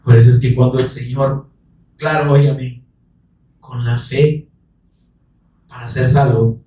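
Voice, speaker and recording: A man's voice: medium pitch, flat delivery, unhurried, lo-fi sound. Fervent man preaching in an echoey room. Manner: fervent preaching, rising to shouts; addresses listeners as brother. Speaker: pastor. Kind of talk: sermon. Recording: echoey room, voice from far off the mic.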